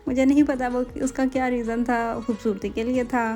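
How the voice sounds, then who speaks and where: A chatty woman in her thirties with a Pakistani Urdu accent talks over her vlog footage, rambling along with frequent hesitations. Her voice sits a little high but sounds mellow and dark. Soft music plays faintly underneath. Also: level tone, a little fast. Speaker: vlogger. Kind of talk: casual vlog voice-over narration.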